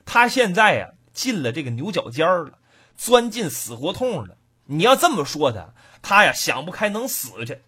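Woman storyteller, husky, wide lively pitch, punchy delivery. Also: moderate pace. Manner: animated, colloquial, punchy. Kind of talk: traditional oral storytelling.

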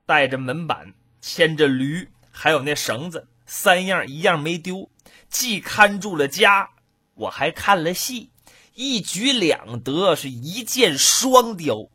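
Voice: medium pitch, lively intonation, slow pace, pushed and bright, slightly rough, heavily acted. A storyteller voicing a foolish, self-satisfied male servant in a comic folk tale. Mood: pleased. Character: foolish male servant, smug and simple-minded.

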